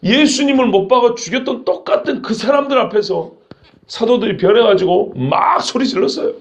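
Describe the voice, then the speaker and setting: A man's voice: sits high, fairly quick, lo-fi sound. A middle-aged man preaching a sermon as pastor, earnest and emphatic, asking his listeners rhetorical questions.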